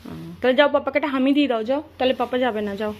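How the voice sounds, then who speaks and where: A woman's voice: high voice, very fast, lo-fi sound. A mother at home coaxing her small child in a repetitive, sing-song manner. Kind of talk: coaxing baby talk.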